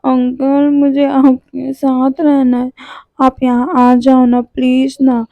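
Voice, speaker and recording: A woman's voice: high-pitched, completely flat delivery, slow, no echo, highs cut off. A woman voicing a clingy young man who pouts and pleads with his uncle in a whiny way. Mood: whiny pleading. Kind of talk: storytelling voice acting.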